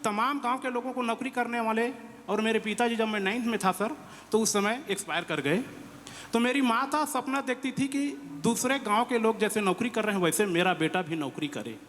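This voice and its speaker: High-voiced man singing Chhattisgarhi verses. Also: fairly bright tone, slight background noise. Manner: sings his verses in a slow, drawn-out way. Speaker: local poet. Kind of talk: speech with sung folk verses. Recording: hall reverb, faint music.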